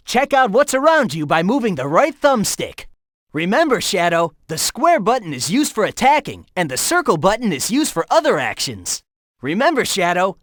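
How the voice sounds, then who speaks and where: Cocky young hedgehog dude, breezy and upbeat, super bouncy pitch, dry studio sound. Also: male voice, a bit bright, no room sound, full character voice. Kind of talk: video game voice lines. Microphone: close studio mic.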